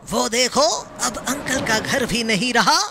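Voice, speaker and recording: A man giving cartoon-style game commentary, calling out loudly and pleading urgently. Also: very high-pitched, unhurried, gravelly, background noise. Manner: loud, urgent calls and pleading. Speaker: gaming commentator.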